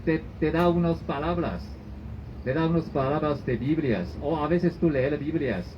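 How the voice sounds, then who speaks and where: A man delivers a church sermon at an unhurried, deliberate pace, often restarting and repeating his phrases. The recording is dull and lo-fi, with a faint hiss underneath. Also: on the high side. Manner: halting, repetitive phrasing with frequent restarts. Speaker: pastor. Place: church service.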